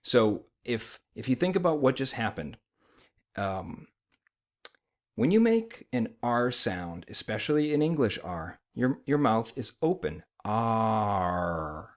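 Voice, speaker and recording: A man's voice: medium pitch, sing-song, a little slow, darkish tone. A man with an American accent explaining as a language teacher, conversational and often checking that the learner follows. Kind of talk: informal instructional explanation.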